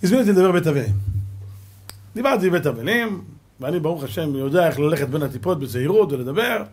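Man, middle-aged, rabbi, husky, dramatic storytelling lesson. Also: a little high, lively intonation. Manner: dramatic, swings from loud exclamations to quiet asides, acts out quoted people. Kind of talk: animated Torah lesson with storytelling.

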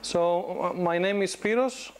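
Speaking slowly in a high-pitched voice, a Greek man in his thirties guest-lectures a university class on business in a casual way. Picked up by a lapel mic, his relaxed talk is full of fillers and restarted sentences.

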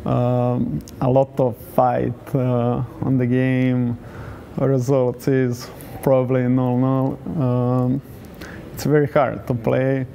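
A man in his twenties with a Serbian accent, a football player answering interview questions in short, halting phrases. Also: medium pitch, completely flat delivery, vocal fry, warm tone, a little hiss or hum. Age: 20s. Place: hotel lobby, indoors. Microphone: lapel.

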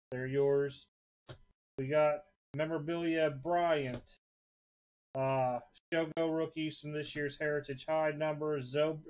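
A young adult man chats casually at a desk, voice sitting a bit high for a man. He reels off card names in loose, quick lists, offhand and unhurried between items, like a host previewing his own stock. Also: a little mellow. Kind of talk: casual live-stream chat. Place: indoor desk with card displays, off camera.

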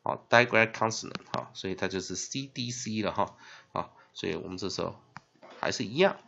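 A man teaching English spelling and phonics in Mandarin with a Taiwanese accent, spelling words out letter by letter and filling pauses with drawn-out "ah" sounds. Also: fairly low pitch, creaky. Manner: spells words letter by letter, heavy fillers, lively emphasis. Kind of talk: classroom-style phonics lesson. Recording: dull lo-fi recording.

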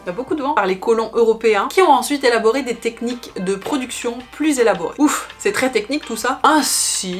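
A woman food vlogger narrating in a chatty, playful way and joking at her own expense. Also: fairly high pitch. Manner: chatty and playful, jokes at herself. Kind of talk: casual food vlog narration.

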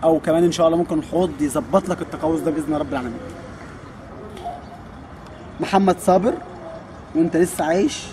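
This Egyptian-accented kung fu coach, a man in his twenties, fields viewer questions casually, teasing and joking as he goes. He talks fast in a slightly high, mellow voice with long pauses, against slight background noise.

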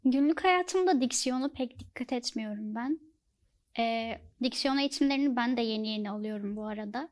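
A young woman guest who answers briefly and modestly in a soft-spoken voice. Her voice sits slightly high. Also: a little fast. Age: young adult. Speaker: student club board member, guest.

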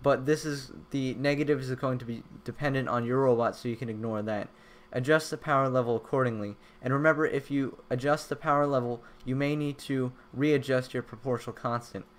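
A young man narrating a programming tutorial, explaining each step clearly with casual asides. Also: medium pitch, fairly even intonation, fairly quick. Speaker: robotics tutorial host. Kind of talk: screen-recorded tutorial narration.

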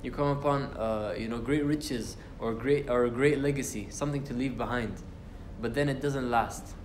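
A young man with a mid-range voice speaks at normal speed while giving informal tafsir talk in a university lecture room. He recites verses in Arabic and chats casually, with fillers and restarts. The recording sounds roomy, carrying a little hiss or hum.

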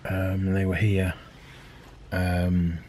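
This vlogger, a man in his thirties, speaks in a low-pitched, darkish monotone and draws out his words over a faint hiss or hum. Holding the camera at arm's length, he chats hesitantly with lots of ums in a casual daily vlog. Filming starts outdoors in a park, continues in a car and ends at home.

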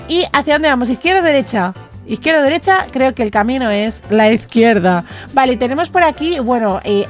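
A woman with a Spanish accent from Spain, giving a bubbly, exclamatory game tour while talking straight to her viewers. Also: high voice. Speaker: Roblox YouTuber. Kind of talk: excited gameplay tour commentary.

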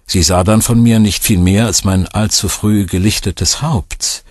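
A man narrating a thriller audiobook in the first person, with a wry, expressive storytelling manner. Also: lowish voice, unhurried, dry recording, studio quality. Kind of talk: scripted narration.

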